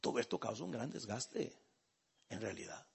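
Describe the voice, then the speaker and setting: A man's voice: lowish voice, very animated, moderate pace, creaky, husky. A male pastor preaching a sermon. He talks conversationally, calls listeners brother, and builds to emphatic outbursts.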